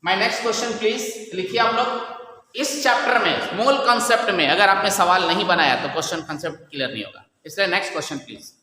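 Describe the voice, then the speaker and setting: High bright-voiced male chemistry teacher. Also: expressive. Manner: dictates questions slowly, coaxing students with "beta". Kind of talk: classroom lecture. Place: large echoey classroom. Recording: echoey hall from far off, faint room noise.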